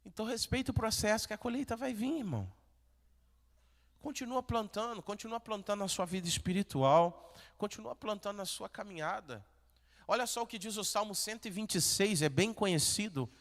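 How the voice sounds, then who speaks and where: Brazilian pastor preaching in echoey hall. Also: male voice, sits high, brisk, gravelly. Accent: Brazilian Portuguese. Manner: preaching with swings from quiet murmurs to shouted peaks. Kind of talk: sermon. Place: large church hall.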